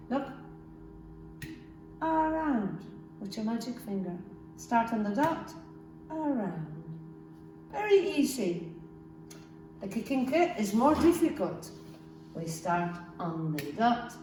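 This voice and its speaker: A woman teaching phonics to young children like a kids show host, encouraging them in simple, sing-song instructions. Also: mid-range voice. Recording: roomy echo, distant mic, background music.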